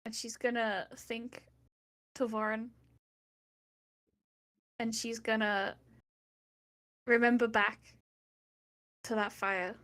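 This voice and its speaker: Female gamer, somewhat high pitch, casual player chat and informal in-game storytelling. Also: little pitch movement, takes it slowly, pauses often, a bit bright.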